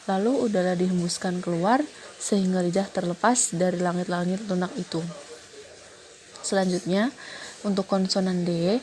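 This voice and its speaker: A woman reading out a phonetics explanation in a steady, methodical way, going through one item after another. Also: medium pitch. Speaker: student presenter.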